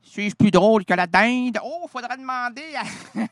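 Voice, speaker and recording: A man's voice: extremely high pitch, expressive, a little slow, no echo, clean studio sound. A man, bantering through an improvised comedy bit, playful and theatrical. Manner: playful, jumps between silly voices and mock-preachy outbursts.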